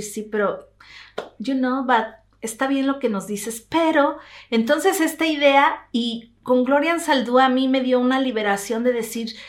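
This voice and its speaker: Mexican-accented woman explaining in conversation. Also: mid-range voice. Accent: Mexican Spanish. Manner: drops English words into her Spanish. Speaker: interview guest.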